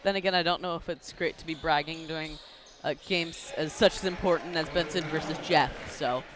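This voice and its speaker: A man making halting, casual asides during a sports broadcast in a gym. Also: fairly high pitch, steady tone. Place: indoor basketball gym. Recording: loud gym noise behind voice.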